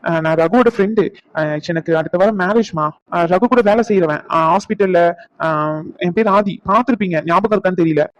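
A man voicing a young hospital worker in a cartoon; he talks in a brisk, bossy way and mixes in English words. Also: sits high, highs cut off, a little hiss or hum, lightly acted. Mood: polite. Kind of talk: cartoon voice acting.

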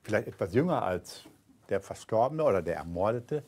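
Husky-voiced male moderator. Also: fairly low pitch, lively intonation, a little fast, darkish tone. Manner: chatty, joking, hesitant with fillers. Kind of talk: conversational moderation of a reading. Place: live reading event.

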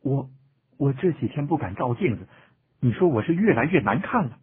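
A man reading the part of a bitter, quick-tempered young village girl in a storybook tale, speaking scornfully. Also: mid-range voice, lively intonation, husky. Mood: alarmed. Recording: tinny phone-like audio.

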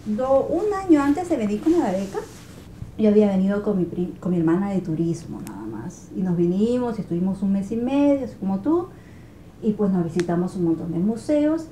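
A woman's voice: medium pitch, very animated, a little fast, mellow. A young woman with a Peruvian accent, a guest chatting earnestly in a small bedroom, picked up by a far camera. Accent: Peruvian Spanish. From Peru (Ica). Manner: earnest, searching for words. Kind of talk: casual conversation. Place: small pink bedroom, indoors. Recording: roomy indoor sound, faint noise.

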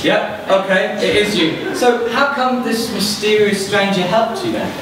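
Man playing a high-pitched, earnest pantomime son. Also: measured pace. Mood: worried, indignant. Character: Dame's exasperated, sceptical son, earnest pantomime lad. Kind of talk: live pantomime stage acting. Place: theatre stage, distant microphone. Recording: distant, very echoey, noisy stage recording.

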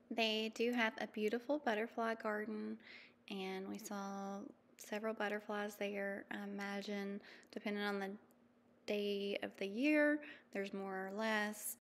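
A woman in her thirties narrating a travel vlog in a chatty, easygoing way, with frequent ums and quick laughs. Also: medium pitch, fairly even intonation, in a large hall, slight background noise. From mountain region. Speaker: vlogger. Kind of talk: casual voice-over narration.

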